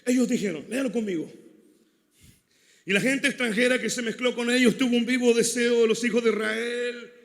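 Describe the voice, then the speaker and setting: A man with a Chilean Spanish accent preaching a sermon, swinging from loud shouting to hushed asides. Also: very high voice, steady tone, brisk, gravelly. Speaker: pastor. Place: large church hall at a congress. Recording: long hall reverb.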